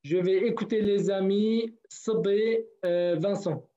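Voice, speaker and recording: Slow, patient man teaching online. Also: high-pitched, steady tone, mellow. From northern Kurdistan. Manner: patient, repeats words slowly for students. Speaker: language teacher. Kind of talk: online class. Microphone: video call. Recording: dull lo-fi online call audio.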